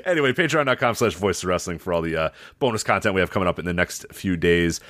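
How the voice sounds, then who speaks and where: A man with a low voice chats quickly and casually as a podcast co-host. His delivery is offhand and informal, and the sound is close and dry. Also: lively intonation, fairly bright tone, no room sound. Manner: offhand, informal, sometimes sweary. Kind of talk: casual banter.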